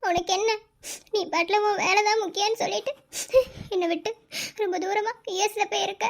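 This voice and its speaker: A tearful, anxious young wife in a cartoon love story, voiced by a woman. She pleads in a very high, thin voice. She sounds worn down by missing her husband. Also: lively intonation, normal speed. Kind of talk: cartoon voice acting.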